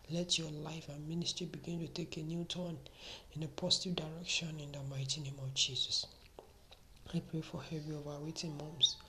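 Woman, whispered prayer, breathy, very low voice, faint hiss behind. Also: rough recording. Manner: soft breathy whisper, fervent repetition. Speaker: prayer leader.

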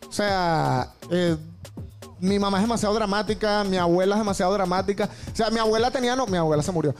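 A Venezuelan man hosts a loose, joking conversation and talks fast and slangy. His voice sits high for a man. He keeps the energy animated throughout. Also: soft background music. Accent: Venezuelan Spanish. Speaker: podcast host. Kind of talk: casual comic chat.

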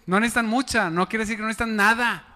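A man's voice: sits high, fairly even intonation, very fast, bright, forceful tone, long reverb tail. A man preaching a sermon as pastor, chatty and often asking the congregation questions. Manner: conversational, asks the congregation questions. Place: church.

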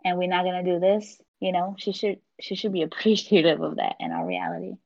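A woman's voice: lowish voice, steady tone, brisk, vocal fry, a little mellow. A woman co-hosting a podcast, chatty and explaining things at length in a casual way. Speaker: podcast co-host. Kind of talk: casual chat. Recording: dull lo-fi audio.

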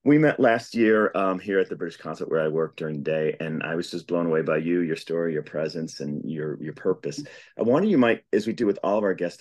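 Deep-voiced man hosting an interview. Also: a little mellow. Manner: earnest, effusive questions with fillers. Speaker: podcast host.

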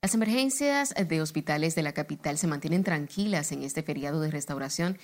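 A woman anchoring the evening news in a measured, formal read. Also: deep voice, expressive. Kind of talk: scripted news reading.

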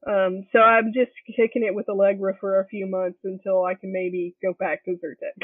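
A woman's voice: medium pitch, little pitch movement, moderate pace, no room sound. Woman, co-host, tinny internet-call sound, dry and close, chatty, rambling, laughs a lot. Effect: tinny sound over a poor internet connection. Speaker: podcast co-host. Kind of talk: casual chat. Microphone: remote call over home internet.

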